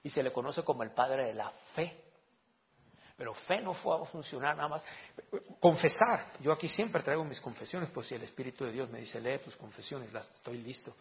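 A man's voice: medium pitch, expressive, normal speed, slight background noise. A man preaching a conversational sermon as a pastor, asking rhetorical questions and often repeating words as he goes. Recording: dull lo-fi recording.

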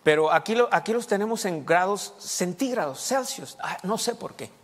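High-voiced pastor in a reverberant hall. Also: male voice, lively intonation, normal speed, a bit bright. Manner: folksy, repeats words, asks the congregation questions. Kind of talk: conversational sermon. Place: church hall. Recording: long church hall reverb.

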